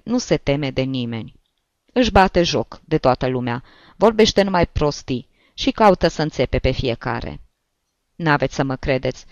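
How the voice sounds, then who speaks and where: A man's voice: fairly high pitch, no room sound. A man voicing a frightened middle-aged innkeeper who laments and pleads with sighs, in a dull, dry recording of a read-aloud story.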